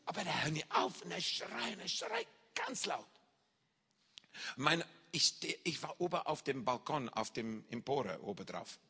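In a large, echoing hall, a man preaches a personal testimony in slow, deliberate German, making the slips of a non-native speaker. His slightly high voice is bright and a little husky, and his intonation swings widely as he animatedly acts out the scenes, shouts and reactions included.

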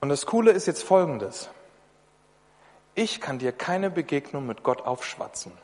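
A man preaching a sermon in German in a lively, conversational way, often turning to the listeners directly. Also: on the high side, unhurried. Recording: long reverb of a hall.

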